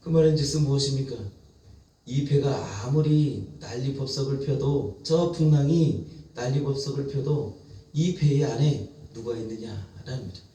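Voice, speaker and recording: A man's voice: medium pitch, a little slow, mellow, reverberant, distant mic, low-quality recording. A male pastor preaching a Sunday sermon, retelling a story vividly and repeating phrases for emphasis. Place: church sanctuary.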